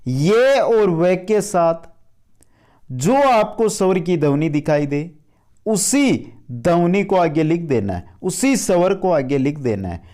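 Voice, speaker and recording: A man's voice: high-pitched, dark tone, smooth. Hindi grammar teacher quizzing his viewers. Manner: explains with many rhetorical questions; keeps addressing viewers as friends. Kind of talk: spoken lesson for a video channel.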